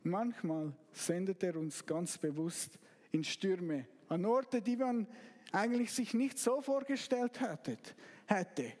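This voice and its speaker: A male pastor preaching a sermon that retells a story as a slow, dramatic narration, with sudden loud outbursts. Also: sits high, animated, in a large hall.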